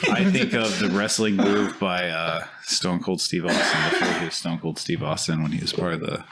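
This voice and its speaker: A man's voice: low voice, fairly even intonation, moderate pace, very noisy. A man co-hosting a podcast, chatting casually and joking with friends. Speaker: podcast co-host.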